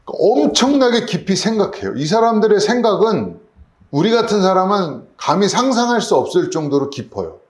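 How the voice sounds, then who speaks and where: A man's voice: high-pitched, big pitch swings, moderate pace, roomy sound. A man preaching a sermon as pastor, asking his congregation rhetorical questions. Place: church sanctuary.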